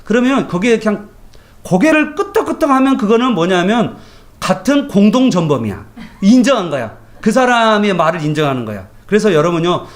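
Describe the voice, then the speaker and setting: A male pastor with a high-sitting voice speaks a little fast during a morning devotion sermon. He's animated and colloquial, sharing everyday anecdotes and often asking the congregation rhetorical questions.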